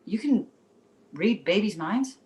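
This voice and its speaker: At a table read for an animated comedy, recorded in a spacious room, a woman voices a talking baby's mother who is fed up yet soothing. Her voice is mid-range and slow.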